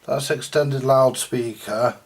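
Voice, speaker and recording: Working slowly on a vintage radio for his video, a British man mutters and thinks aloud in colloquial, mildly grumbling commentary. He has a mid-range voice with fairly even intonation, against a noisy background.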